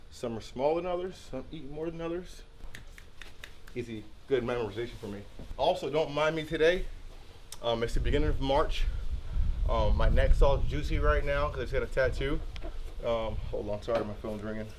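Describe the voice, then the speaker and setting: A man's voice: mid-range voice, a little hiss or hum. A man with a congested, sniffly voice, chatting casually in a vlog while feeding his dogs at home. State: congested from allergies. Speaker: animal vlogger.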